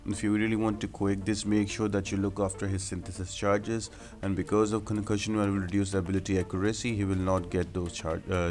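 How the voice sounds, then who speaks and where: Fight tips come from a gaming video creator whose voice is lowish and darkish in tone. He walks through the game casually and step by step, explaining as he goes, with music underneath.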